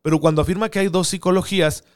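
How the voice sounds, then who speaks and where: A man's voice: sits high, fairly even intonation, fast. A man giving an earnest theological teaching talk, often asking rhetorical questions. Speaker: preacher.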